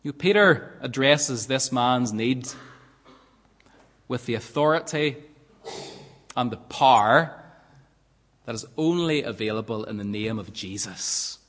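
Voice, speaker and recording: A man's voice: medium pitch, slow, pauses often, a bit bright. A man preaching a sermon in an earnest, emphatic way, often asking rhetorical questions. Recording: long reverb of a large hall.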